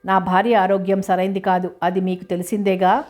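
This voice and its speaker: A woman's voice: mid-range voice, flat delivery, fairly quick, a little mellow, lightly acted. A woman voicing a scheming middle-aged male landlord who talks in a pressing, insistent way. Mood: insinuating.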